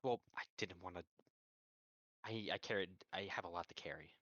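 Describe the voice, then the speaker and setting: Bright-voiced man in dull, lo-fi audio. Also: sits low, normal speed, no room sound. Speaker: player in a tabletop role-playing game. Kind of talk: casual in-character improvised game chat. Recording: dull, lo-fi sound.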